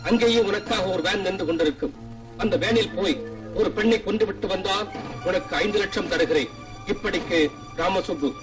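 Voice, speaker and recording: An actor voicing a scheming man's secret letter in a flat, hushed way, in a dubbed film. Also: sits high, a little fast, distant mic, over music, lightly acted. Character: scheming man whose secret letter is heard as a voice.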